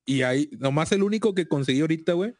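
Mexican man, higher-pitched, laddish slangy bro chatting casually, very dry recording. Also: expressive, very fast, a little mellow, dry recording. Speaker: video game collector. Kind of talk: casual chat.

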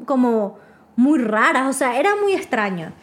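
A woman telling a story in casual chat with friends, animated and laughing, acting out what people said. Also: a little high, normal speed. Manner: animated, laughing, acts out quoted lines.

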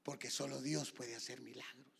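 A man preaching a sermon, swinging between shouted passages and hushed whispers, calling the listener "brother" again and again. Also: medium pitch, level tone, moderate pace, gravelly, breathy edge. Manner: repeats "hermano" constantly. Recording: long hall reverb.

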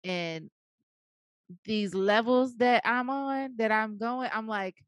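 Playful, animated woman guest, dry sound. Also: a little high, slow pace, no echo. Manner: animated storyteller, playful, quotes herself. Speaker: guest, media executive. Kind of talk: interview conversation.

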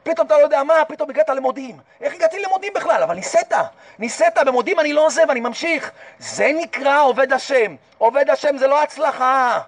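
A man's voice: very high-pitched, few pauses, far from the mic. A man giving a passionate Torah sermon as a rabbi, urging his listeners on with repeated calls and rhetorical questions. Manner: impassioned, repetitive exhortation with rhetorical questions.

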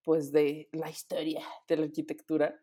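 A young woman co-hosting a podcast, talking loosely with slang and frequent laughs. Her voice sits a little low for a woman. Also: completely flat delivery, moderate pace, dark tone. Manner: laughs often, slangy and teasing. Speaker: podcast co-host. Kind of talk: casual chat.

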